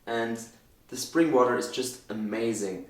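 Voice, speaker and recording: A man in his twenties from Switzerland, introducing himself to camera in a calm, plain way. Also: mid-range voice, unhurried, recorded from a distance. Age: 20s. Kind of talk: casual self-introduction to camera. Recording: echoey room.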